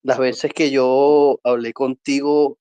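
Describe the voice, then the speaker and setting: A man's voice: medium pitch, level tone, slow pace, clear, resonant tone, no echo. Rambling man, dry close sound. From Venezuela. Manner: warm, rambling, laughing often. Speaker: caller. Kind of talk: casual chat.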